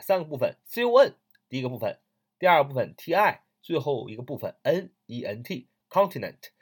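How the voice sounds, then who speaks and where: A man giving a casual spoken vocabulary lesson, adding "ah" fillers between phrases and spelling words out slowly letter by letter. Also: mid-range voice. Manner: often adds drawn-out "ah" fillers between phrases. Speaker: English vocabulary teacher.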